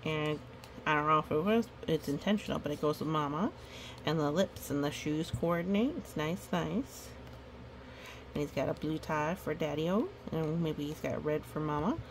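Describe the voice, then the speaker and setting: A woman with a low-sitting voice hosts a chatty picture-book storytime at normal speed, with slight background noise. She drifts into playful, rambling asides, adding little sung bits and hums.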